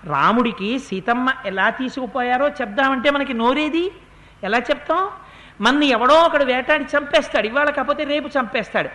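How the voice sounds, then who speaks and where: A man giving voice to a huddle of fearful forest animals, fretting in hushed tones. Their voice is pitched high and bright and carries a quiet, afraid manner, as in a devotional storybook. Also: moderate pace. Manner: soft, fearful.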